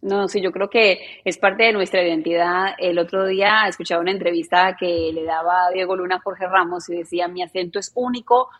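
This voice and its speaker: A woman in her thirties from Colombia speaks in a slightly low voice. Her Colombian accent is softened and mixed with neutral Spanish. She talks in a chatty, easygoing way as a journalist guest. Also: level tone, fairly quick, hardly any pauses. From Medellín, Colombia. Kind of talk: casual interview chat.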